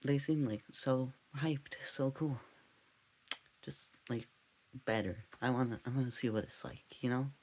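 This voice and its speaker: A man with a husky, slightly rough voice hosts a parody true-crime podcast at a home desk mic. He rambles in a deadpan way, loses his thread and wanders off on tangents. His pitch sits in the middle range. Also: measured pace, poor audio. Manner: rambling, scatterbrained, goes off on tangents. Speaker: comedic podcast host.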